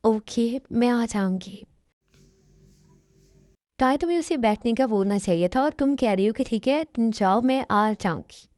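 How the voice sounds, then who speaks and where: A woman voicing a gentle, withdrawn young woman who speaks slowly and softly in a fan dub. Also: a little high, animated, no room sound. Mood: subdued. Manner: slow and subdued. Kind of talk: fan dub dialogue acting.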